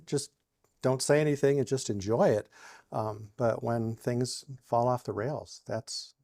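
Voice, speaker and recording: A man who co-wrote a parenting book speaks as a podcast guest, upbeat in his emphasis but pausing often with fillers. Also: medium pitch, fairly even intonation, warm tone, no echo, studio quality. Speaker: guest author. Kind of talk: interview podcast.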